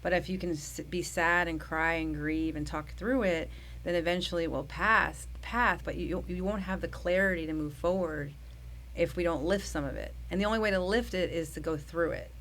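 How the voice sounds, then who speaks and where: A woman's voice: lowish voice, fairly bright tone. A middle-aged woman psychologist talking earnestly in an interview, with frequent restarts. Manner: earnest, talks fast with restarts. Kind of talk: conversational interview.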